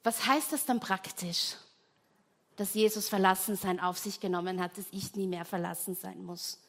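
Eine Frau predigt ernst und eindringlich und spricht die Zuhörer direkt an. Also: female voice, mid-range voice, steady tone, moderate pace, fairly bright tone. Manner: earnest, emphatic, addresses listeners directly. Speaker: preacher. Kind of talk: sermon.

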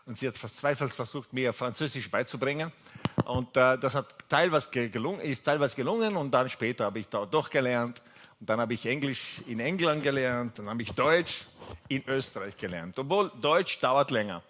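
An Italian pastor with an Italian accent preaches while seated in a church hall, his mid-range, fairly bright voice expressive and at normal speed. He's chatty, full of fillers and restarts, and jokes with the congregation, picked up by a stage mic.

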